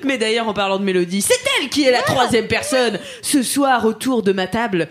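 High-voiced woman hosting a podcast. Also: very animated, brisk. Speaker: podcast host. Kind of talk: casual chat.

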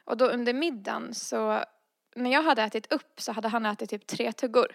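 Chatty woman with a creaky voice. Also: fairly high pitch, dry recording, clean studio sound. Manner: acts out quoted dialogue, frequent fillers. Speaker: guest telling a personal story. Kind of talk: casual storytelling.

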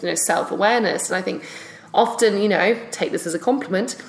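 A woman's voice: mid-range voice, brisk, vocal fry. A woman co-hosting a podcast in casual chat, talking in a rambling way with restarts and "you know". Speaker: podcast co-host. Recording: roomy echo.

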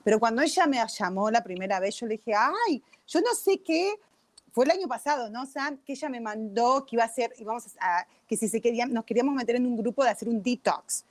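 A talkative woman with a fairly high voice. She chats casually and often drops English words into her sentences. The recording is dry, with no room sound. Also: quick pace, few pauses, dry recording. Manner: chatty, mixes in English words. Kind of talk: casual chat.

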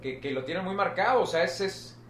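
A Mexican man talks in a loose, joking podcast chat and repeats words as he gets going. His voice sits a little high. It rings in a roomy space with faint background noise. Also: animated, brisk, fairly bright tone. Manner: joking, slangy, repeats words when starting. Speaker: podcast host. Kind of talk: casual chat. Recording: echoey room with faint noise.

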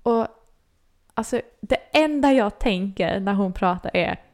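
Young woman, gravelly voice, casual podcast chat, acts out reactions. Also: medium pitch. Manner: animated storytelling, acts out her own reactions. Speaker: podcast co-host.

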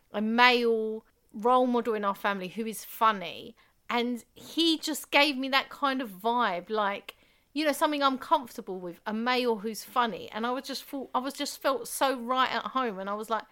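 A woman in a bright, lively voice that sits fairly high. She co-hosts a casual chat from her living room. She tells stories with animation and laughs easily. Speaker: podcast co-host.

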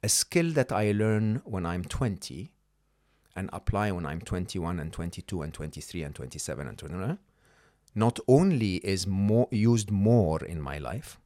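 A middle-aged man, English not his first language, talks as a podcast guest in a conversational coaching way, stressing his points and checking in with "okay?" and "hmm?". His low, warm voice has lively intonation and a moderate pace, captured in studio quality with no echo.

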